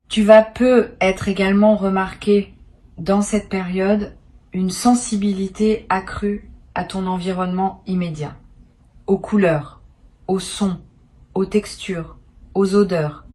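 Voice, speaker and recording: A woman giving a spiritual tarot reading, speaking to the listener in a calm, measured and reassuring way. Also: medium pitch. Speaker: tarot reader.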